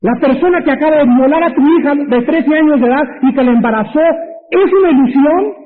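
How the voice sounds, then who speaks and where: A man's voice: very high voice, brisk. A man with a Mexican accent preaching a sermon, pressing his points emphatically and asking rhetorical questions. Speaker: pastor. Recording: tinny lo-fi phone-like sound.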